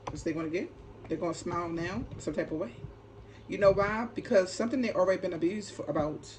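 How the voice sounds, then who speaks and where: With a fairly low voice and a fast delivery, this woman, a tarot reader and channel host, offers an off-the-cuff spiritual card reading. Her talk is emphatic and repetitive, sprinkled with frequent quick check-ins, and the ambient noise behind her is obvious.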